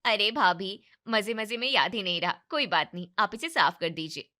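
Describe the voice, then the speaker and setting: A woman's voice: mid-range voice, lively intonation, normal speed, sharp tone. Woman playing an entitled, bossy young wife. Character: lazy, demanding young married woman, bossy. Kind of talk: animated story voice acting.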